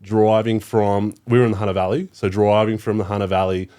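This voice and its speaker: A man in his thirties with an Australian accent and a fairly low, dark voice talks quickly with little pitch movement. He's a youth worker appearing as a podcast guest, chatting casually in an interview with plenty of fillers and offhand swearing, all very laid-back.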